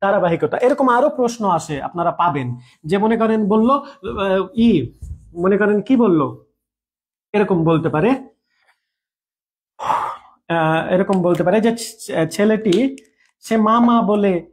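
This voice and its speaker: High-voiced man teaching a chatty lesson. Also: animated, slow, pauses often. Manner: chatty, repeats examples, asks "ঠিক আছে?" often; jokes with students mid-lesson. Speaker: grammar teacher. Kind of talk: recorded online lecture.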